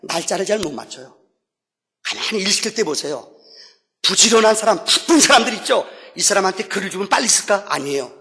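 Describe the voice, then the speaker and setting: A man pastor preaching a sermon, telling stories with bursts of shouting and soft low drops. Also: fairly quick. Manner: animated storytelling, shouting at peaks then dropping low. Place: church sanctuary. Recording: reverberant church hall.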